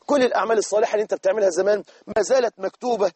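Fast, husky Egyptian preacher. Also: male voice, high voice, darkish tone, no room sound. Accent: Egyptian Arabic. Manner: earnest, exhorting, addresses listener directly. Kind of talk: sermon.

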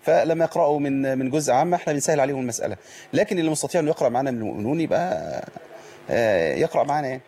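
A man with an Egyptian accent hosting a live call-in Quran recitation lesson, stretching and repeating words slowly to show how they are pronounced. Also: mid-range voice, expressive, dark tone, slight background noise. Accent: Egyptian Arabic.

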